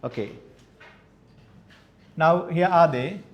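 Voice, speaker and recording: A male maths teacher, dictating lecture notes slowly and repeating each phrase so students can write it down. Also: fairly high pitch, highs cut off. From Sri Lanka. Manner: repeats phrases slowly for note-taking, spells words out.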